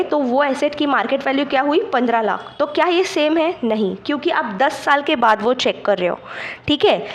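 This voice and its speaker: High-voiced woman teaching accounting. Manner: patient, checks understanding with frequent "theek hai"; mixes English terms into Hindi. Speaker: exam prep teacher. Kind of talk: explanatory online lecture.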